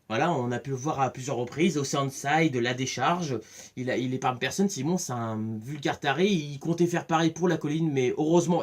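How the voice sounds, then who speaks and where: A talkative man giving a casual, rambling spoken review, excitable and full of restarts. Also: on the high side. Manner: chatty, rambling, many restarts and fillers; excitable, acts out scenes with voices. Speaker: film and series reviewer.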